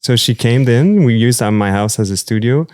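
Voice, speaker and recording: A man's voice: medium pitch, moderate pace, no echo, clean studio sound. A man in his thirties with a Quebec French accent, a musician chatting loosely in an interview with lots of fillers. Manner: rambling, many fillers, animated. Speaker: musician guest. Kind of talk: casual interview chat.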